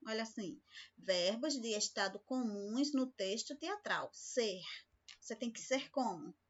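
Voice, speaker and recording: A woman's voice: a little high, a little slow, lo-fi sound. A woman teacher giving a recorded remote lesson, patient and speaking to the class with many questions. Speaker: school teacher.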